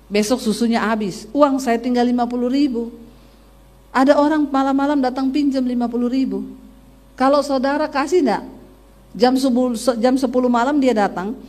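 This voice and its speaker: A middle-aged woman preacher, telling a humorous testimony to her congregation. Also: on the high side. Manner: lively humorous storytelling, addresses the congregation. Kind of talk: testimony sermon.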